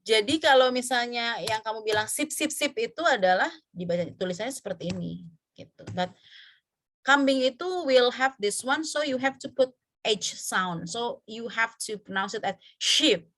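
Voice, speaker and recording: A woman with an Indonesian accent teaching an English pronunciation class, drawing out example words slowly and pausing with fillers. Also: on the high side, animated, fairly bright tone. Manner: slow, drawn-out example words with many fillers. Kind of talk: online class lesson mixing Indonesian and English.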